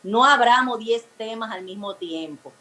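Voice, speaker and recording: A woman guest on a talk show explains relationship communication in a didactic, example-filled way. Her voice sits slightly high. A faint hiss runs under the recording. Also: unhurried, bright, forceful tone, low-quality recording. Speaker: guest expert on emotional communication.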